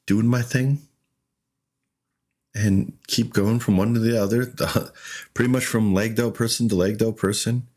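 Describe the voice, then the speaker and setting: A man's voice: on the low side, a little slow, long pauses. A man casually commenting on his own gameplay, often laughing and acting out what he said in the moment. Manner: laughs often, excitable, retells with quoted self-talk. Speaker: gaming streamer.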